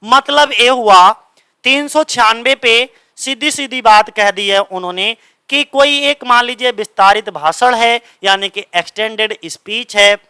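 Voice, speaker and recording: A man teaching English literature for exams, asking his own questions and answering them, reading English lines slowly and explaining them in Hindi. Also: sits high, bright, forceful tone, clear, resonant tone, dry recording. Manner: drills with repeated questions and answers. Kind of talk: exam-prep lecture.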